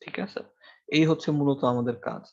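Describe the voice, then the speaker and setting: In lo-fi sound, a university lecturer with a slightly mellow mid-range voice speaks fairly quickly and with fairly even intonation. He uses an amplified microphone in the classroom, explaining each step, questioning his students, and dropping in frequent fillers.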